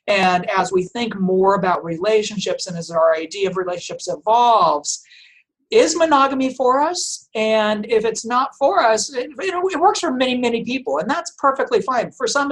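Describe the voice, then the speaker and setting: A man's voice: high voice, fairly bright tone. A middle-aged man from Portugal, a native Portuguese speaker, talking as a family law guest on a podcast. He speaks thoughtfully, often restarting his sentences and using fillers. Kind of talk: conversational podcast interview.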